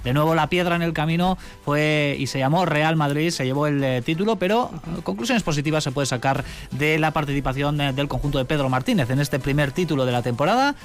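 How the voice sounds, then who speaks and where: A man with an accent from Spain chats through a radio sports round-up. His voice sits a little high and his delivery is halting and conversational, with some music behind him. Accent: Spanish from Spain.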